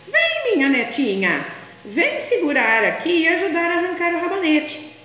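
Kindly old grandma, high and coaxing, storybook voice, Brazilian Portuguese accent, woman doing the voice, echoey room. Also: sing-song, normal speed, bright, forceful tone, full character voice.

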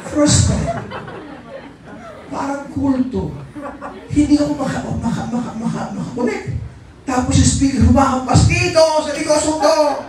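A man's voice: very high-pitched, a little slow, long pauses, distant mic, a faint crowd. A middle-aged man giving a live motivational seminar talk, telling his story with animation and acting out quoted voices. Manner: animated storytelling, mixing English phrases; acts out quoted voices and raises his voice for effect. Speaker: motivational speaker. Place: large seminar hall with a live audience. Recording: echoey hall, voice from afar. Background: faint audience and room noise.

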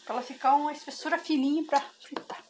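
In a bright, high, steady voice, a fast-talking middle-aged Brazilian woman guides her viewers through a simple recipe at home on her farm. The cooking vlogger keeps turning to them with "gente," and a faint hiss runs beneath her casual demonstration.

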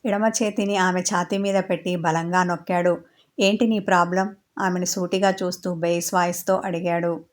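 A woman narrates a serialized romance story in a calm, even reading voice. Her pitch sits on the low side, and she keeps the intonation flat and level. The delivery is steady and unhurried, like someone reading chapter after chapter aloud.

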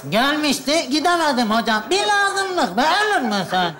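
Greedy, clumsy Yalayut. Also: male voice, very high-pitched, sing-song, normal speed, heavy background noise, full character voice. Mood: cheeky. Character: clumsy greedy young man Yalayut, always eating. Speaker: friend visiting the hospital. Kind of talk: studio sketch comedy.

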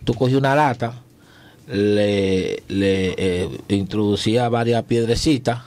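A man's voice: fairly low pitch, a little slow, darkish tone. A man with a Dominican accent, co-hosting a radio show in casual, teasing banter. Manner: joking, teasing, acts out sounds. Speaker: radio co-host.

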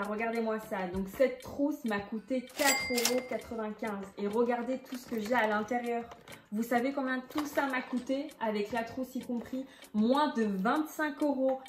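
A young woman, chatting bubbly and animated as a beauty vlogger testing makeup. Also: a little high. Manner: bubbly, chatty, exclaims a lot. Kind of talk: casual makeup tutorial vlog. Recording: echoey room with background music.

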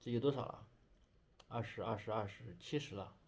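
A man's voice: fairly low pitch, moderate pace, a little mellow, slight background noise. A young adult man from China chatting casually as he eats, talking with his mouth full and chewing between phrases. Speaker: vlogger. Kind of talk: casual chat while eating. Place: small indoor bedroom.

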